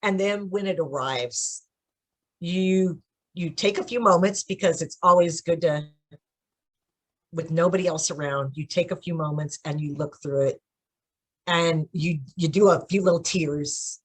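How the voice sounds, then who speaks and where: Husky-voiced woman author, lively and laughing. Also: fairly low pitch, measured pace. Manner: animated, laughs often, emotional. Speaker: children's book author. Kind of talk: casual interview. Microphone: video call.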